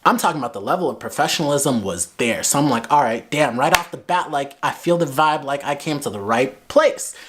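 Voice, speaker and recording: A young American man casually telling a personal story in an animated, slangy way, dramatizing as he goes. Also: fairly high pitch. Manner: animated, slangy, dramatic retelling with acted-out dialogue.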